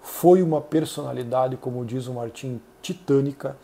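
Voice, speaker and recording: A Brazilian man hosting a channel, giving earnest, measured solo commentary with frequent hesitations. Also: medium pitch, vocal fry, dark tone. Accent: Brazilian Portuguese. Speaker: channel host reviewing an essay.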